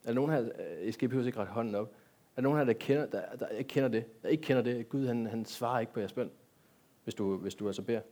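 A man's voice: mid-range voice, warm tone. A man giving a sermon in a church, talking directly to the congregation and asking them many rhetorical questions. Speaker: pastor.

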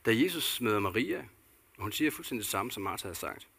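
A man's voice: fairly low pitch, big pitch swings, gravelly, fairly bright tone, slightly rough. A man delivering a sermon as a pastor, earnest and repetitive, posing questions to the congregation.

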